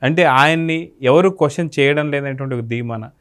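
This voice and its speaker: A man's voice: mid-range voice, a little fast, smooth. A male host interviewing a guest on a political talk show, asking leading questions and humming along as she answers. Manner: prompting questions, short agreeing hums.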